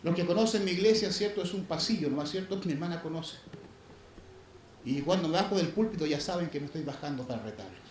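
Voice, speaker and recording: A man preaching a sermon as pastor, swinging between loud emphasis and hushed low passages. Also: expressive, quick pace, a little hiss or hum. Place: church sanctuary. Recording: echoey church room, faint ambience.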